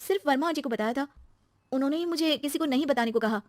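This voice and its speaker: A woman voicing a cheerful, chatty young wife in a cartoon story, talking in an excited way. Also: high-pitched, fast talker, no room sound, clean studio sound, pitched above the performer's own voice, natural voice. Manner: excited, talkative.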